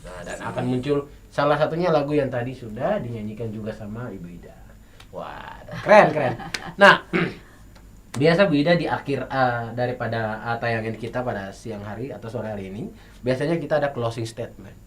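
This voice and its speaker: A man with an Indonesian accent hosts a TV and radio talk show in an upbeat, announcer-like manner, dropping in the odd filler. His voice sits at an average pitch for a man. Faint background noise hums under the recording. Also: animated, moderate pace, a bit bright.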